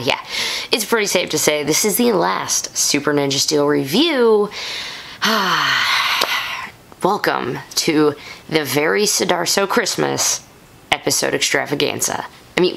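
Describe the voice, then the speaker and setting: A woman hosting a casual review vlog, her fairly low voice carrying a lot of gravelly fry. She talks in an excitable, gushing way, jumping into bursts of enthusiasm. The sound comes through a camera-mounted shotgun mic. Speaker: YouTube show host and reviewer. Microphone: camera-mounted shotgun microphone.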